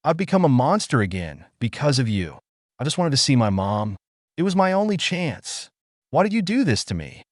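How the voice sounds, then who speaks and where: A man voicing a furious young man turned monster who shouts in trembling outbursts. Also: mid-range voice, big pitch swings, normal speed, no room sound, clean studio sound, voice pushed up, lightly acted. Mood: enraged.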